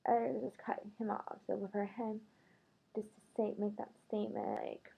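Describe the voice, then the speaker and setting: A woman vlogger casually telling a dating story, chatty and full of fillers, quoting others in a higher voice. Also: level tone, normal speed, vocal fry, warm tone, breathy edge. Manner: chatty, filler-heavy, quotes others in raised voice. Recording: tinny phone-like lo-fi audio.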